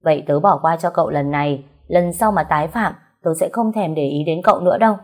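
Female narrator as a sweet pampered rich girl, chirpy and pouty, husky low voice underneath. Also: fast talker, a little mellow. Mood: bubbly. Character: bubbly pampered rich young woman.

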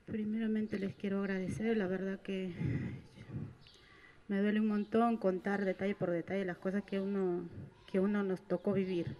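A middle-aged woman from Peru, giving halting, grieving testimony as a victim's mother at a public gathering. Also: mid-range voice, flat delivery, lo-fi sound. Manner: halting, soft-spoken, grieving.

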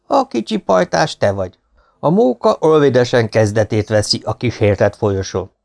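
A man's voice: medium pitch, animated, vocal fry, darkish tone. A man voicing a cocky young marquis in the legion, coolly amused and mocking in an audiobook story. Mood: teasing.

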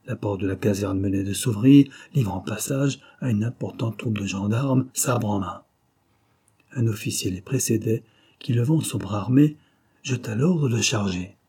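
A man reading a novel aloud as an audiobook narrator, in a steady, measured way. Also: fairly low pitch, husky.

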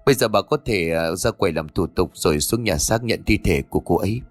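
A man's voice: low voice, animated, fairly quick, no echo, faint music behind, pitched below the performer's own voice. A man narrator voicing a grave hospital doctor who speaks solemnly and formally.

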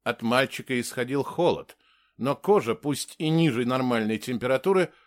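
Man narrating a dark audiobook. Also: mid-range voice. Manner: measured, dramatic storytelling.

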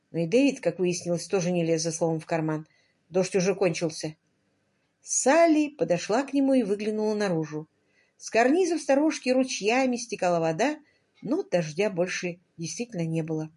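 A woman reading a romance novel aloud as an audiobook narrator, in expressive scripted narration. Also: lowish voice, normal speed.

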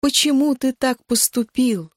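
This is a heartbroken young woman, voiced by the narrator, whose voice lifts higher and louder in tearful, pleading outbursts. The sound is close and dry. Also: normal speed, dry recording, close to an everyday voice. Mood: anguished.

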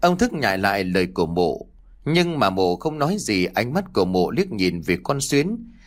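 A man's voice: on the low side, big pitch swings, moderate pace. Man narrating a ghost story expressively. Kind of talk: scripted horror story narration.

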